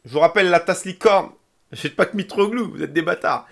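A young man streaming a football video game, commenting on pack openings in a casual, excitable way, chanting and shouting when cards are revealed. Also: high voice, fairly quick, creaky, background noise. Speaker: gaming streamer.

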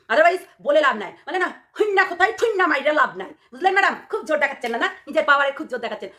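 Hoarse woman vlogger, high voice, rapid scolding rant full of sarcastic questions. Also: fairly bright tone. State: hoarse from a cold. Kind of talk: ranting commentary to camera.

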